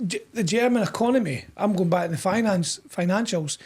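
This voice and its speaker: A man's voice: high-pitched, a little fast, darkish tone, slightly rough. A man co-hosting a podcast, trading teasing jokes in casual banter. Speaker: podcast co-host. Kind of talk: casual chat.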